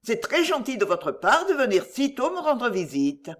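In an audiobook reading, a narrator takes on a brisk, commanding lady of the house who speaks with matter-of-fact authority. The voice is medium in pitch but pushed upward, with a sing-song lilt.

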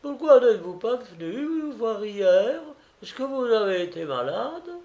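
A man's voice: high voice, very animated, unhurried, mellow, highs cut off, pitched above the performer's own voice, full character voice. A man voicing a bustling, motherly woman baker who fusses over her guest. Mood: fussing. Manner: fussing, solicitous, folksy remedies. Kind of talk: audiobook reading.

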